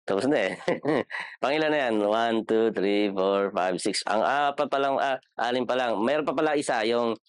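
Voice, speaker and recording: In a church classroom, a Filipino man leads a relaxed Bible lesson, quizzing his listeners, joking, and switching between languages. He speaks with a Filipino accent at a moderate pace, and his medium-pitched voice comes across clean in a dry recording.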